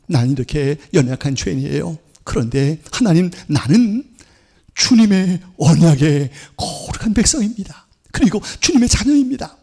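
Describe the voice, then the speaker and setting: A man's voice: a little high, darkish tone. A male pastor preaching a Sunday sermon in church, often turning to the congregation with questions and answering them himself. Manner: acts out accusing voices of law and sin. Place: church sanctuary.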